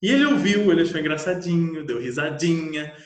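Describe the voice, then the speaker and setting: A young Brazilian man tells a personal story with animated, self-mocking energy. His voice sits a little high for a man. The room around him is echoey. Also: a little fast. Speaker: English teacher.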